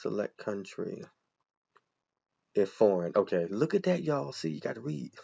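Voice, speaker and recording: A man's voice: lowish voice, expressive, moderate pace, vocal fry, mellow, breathy edge, lo-fi sound. A man in his forties, an accountant, chatting casually as he thinks aloud through a walkthrough and talks to viewers directly.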